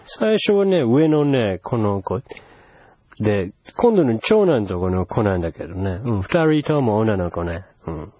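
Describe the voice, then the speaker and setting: A man's voice: on the low side, big pitch swings, measured pace, warm tone, slightly rough, no room sound, highs cut off, heavily acted. A man playing a pushy, teasing older foreign envoy in a solo comedy sketch, wheedling in broken Japanese with English phrases. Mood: chatty teasing.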